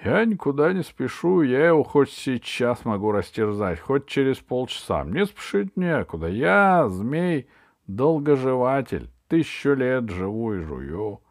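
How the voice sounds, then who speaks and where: A male reader voicing an ancient five-headed dragon in an audiobook, speaking in an unhurried, grumbling way. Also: mid-range voice, sing-song, no room sound, clean studio sound. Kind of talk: audiobook reading.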